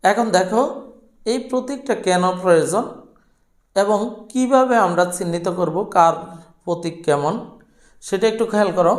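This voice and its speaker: Roomy-sounding male chemistry teacher. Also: sits high. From Bangladesh. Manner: asks the class questions and answers them himself, repeats key terms. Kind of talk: explanatory lesson to students. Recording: roomy echo.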